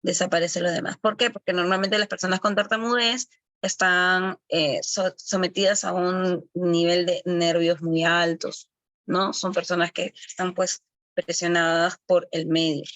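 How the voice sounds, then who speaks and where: A woman's voice: on the low side, level tone, a little slow, a bit bright, no room sound. A woman giving an online lecture to early-education assistants, explaining as she goes and correcting herself often. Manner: explanatory, with frequent self-corrections.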